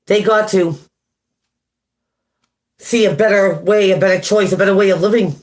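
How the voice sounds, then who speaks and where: A woman's voice: medium pitch, fairly even intonation, moderate pace, a little mellow. Chatty, self-amused woman reading tarot. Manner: chatty, laughs at herself often; greets viewers by name. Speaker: tarot reader. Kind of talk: casual live-stream tarot reading.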